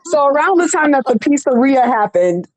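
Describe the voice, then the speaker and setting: A woman's voice: sits high, sing-song, normal speed, poor audio. A woman in her thirties telling a personal story on a podcast, rambling with lots of fillers. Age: 30s. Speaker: podcast co-host. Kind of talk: casual chat, personal storytelling.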